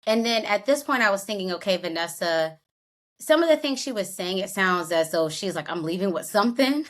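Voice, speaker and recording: A woman's voice: mid-range voice, lively intonation, brisk, a bit bright. A woman co-hosting a podcast, recapping a reality show in casual chat and acting out what people said. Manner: recounts scenes, acts out quotes. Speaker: podcast co-host.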